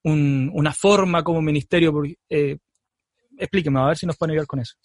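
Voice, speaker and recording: A man's voice: fairly high pitch, fairly even intonation, fairly quick, no room sound, clean studio sound. A man hosting a podcast, asking questions in a chatty, joking way. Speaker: podcast host. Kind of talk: casual podcast interview.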